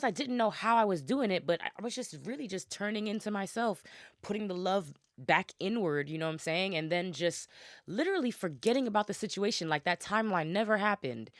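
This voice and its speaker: Animated woman with a Brooklyn accent. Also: mid-range voice, no room sound, clean studio sound. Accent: Brooklyn, New York. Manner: slangy, emphatic, self-assured, often seeking agreement. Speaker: podcast guest, dominatrix. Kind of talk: casual podcast conversation.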